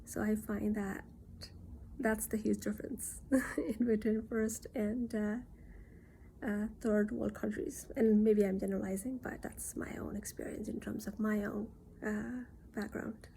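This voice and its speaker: A woman from Nepal, talking in an earnest, reassuring monologue that often drops into soft near-whispers. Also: medium pitch, fairly even intonation, a little slow, gravelly, slight background noise. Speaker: self-reflection vlogger. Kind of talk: casual reflective monologue.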